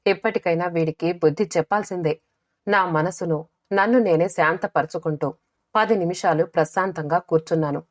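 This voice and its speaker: A woman telling a first-person story as an audiobook narrator, in a measured, expressive way. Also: on the low side.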